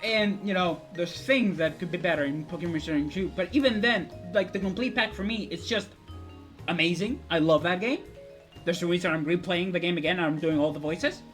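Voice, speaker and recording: High-voiced, youthful young man over music. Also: fairly quick, fairly bright tone. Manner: passionate, rambling, swears freely. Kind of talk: casual chat about video games. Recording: background music behind the voice.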